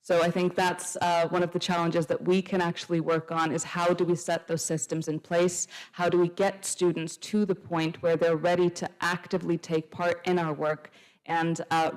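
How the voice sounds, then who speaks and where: A young woman from Iceland, a student council panelist, answering a panel question in a measured way and citing survey figures with frequent fillers. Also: on the low side, flat delivery, rough recording.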